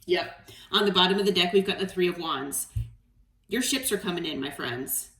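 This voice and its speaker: A woman giving a collective tarot reading in a gentle, encouraging way, often checking in with "okay?". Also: on the low side, normal speed, distant mic. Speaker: tarot reader. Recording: roomy sound, voice away from the mic.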